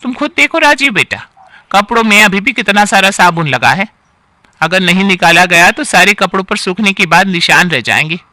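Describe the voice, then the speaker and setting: A nagging elderly aunt-in-law picks at everything with sighing complaints, as a man voices her. The tone is bright and piercing and sits fairly high. The sound is dry and close. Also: expressive, normal speed, no echo, heavily acted. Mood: scolding. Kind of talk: storybook character acting.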